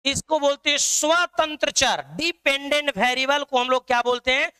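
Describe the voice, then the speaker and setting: A man's voice: very high voice, steady tone, moderate pace, sharp tone. A man teaching an online math lesson, drilling his students with repeated questions.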